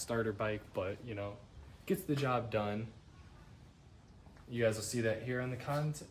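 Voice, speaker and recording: A nineteen-year-old man rambling casually in a monotone for his vlog, tired late at night. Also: lowish voice, a little hiss or hum. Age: young adult. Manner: self-described monotone, relaxed and rambling. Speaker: vlogger.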